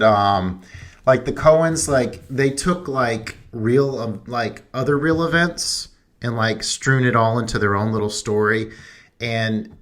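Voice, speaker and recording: A man's voice: on the low side, fairly bright tone. A young man co-hosting a movie podcast, talking in a loose, rambling, chatty way. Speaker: podcast co-host. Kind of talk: casual chat.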